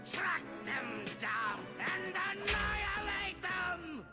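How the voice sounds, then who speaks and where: Shrill, very high shouting villain overlord. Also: male voice, extremely slow, heavily acted. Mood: imperious rage. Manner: shouting, imperious, impatient. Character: shrill, ranting, short-fused villain overlord. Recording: loud game music behind.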